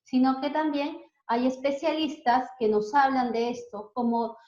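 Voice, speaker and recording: A woman's voice: high-pitched, measured pace, warm tone. Roomy lo-fi woman therapist explaining to parents. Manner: explanatory, ends phrases with tag questions. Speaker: child development therapist. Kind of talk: educational talk to parents. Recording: roomy, dull lo-fi sound.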